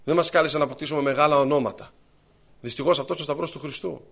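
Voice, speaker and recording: A man's voice: a little high, steady tone, gravelly, fairly bright tone. A man preaching an earnest sermon to his congregation, addressing them as brothers and sisters and telling a parable with acted-out voices.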